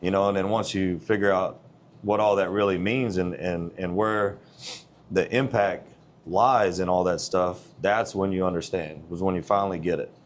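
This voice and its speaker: A man's voice: deep voice, fairly even intonation, normal speed, slight background noise. A man in his forties, a gym owner, talking in a blunt, earnest, plain-spoken way in a casual interview. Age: 40s.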